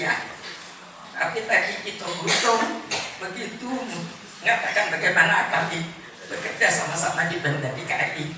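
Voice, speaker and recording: A woman in her seventies giving an earnest, heartfelt personal testimony at a church gathering, recorded from a distance in a large hall. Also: on the low side. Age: 70s. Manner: earnest, heartfelt, with short pauses. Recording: echoey hall, distant mic, background noise.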